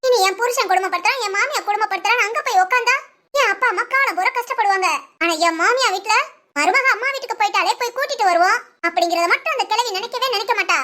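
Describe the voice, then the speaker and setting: A woman's voice: extremely high pitch, fast, sharp tone. A woman voicing a sly, defiant young village wife in a cartoon, sarcastic and muttering spiteful asides, with Tamil village speech. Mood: complaining. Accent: Tamil Nadu village speech. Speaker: daughter-in-law.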